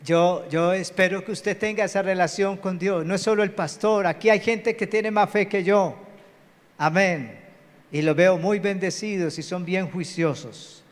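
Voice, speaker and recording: Male pastor, high voice, emphatic sermon in a reverberant hall. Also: unhurried. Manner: emphatic, calls for amen, repeats phrases. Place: church hall.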